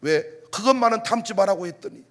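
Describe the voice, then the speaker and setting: A middle-aged man preaching a sermon as pastor, animated, firing off rhetorical questions and sudden outbursts. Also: high-pitched, fast.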